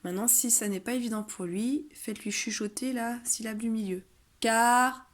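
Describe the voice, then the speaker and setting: A woman teacher patiently explaining a phonics exercise to parents, saying example words loudly and slowly. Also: fairly high pitch. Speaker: kindergarten teacher. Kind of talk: home-schooling video lesson for parents.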